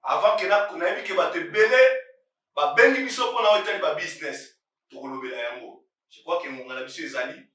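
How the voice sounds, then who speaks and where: A man from Congo, preaching on current events with emphatic repetition that rises into shouts. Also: on the high side. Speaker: pastor. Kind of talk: impassioned sermon on current events. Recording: very echoey room, voice far from mic.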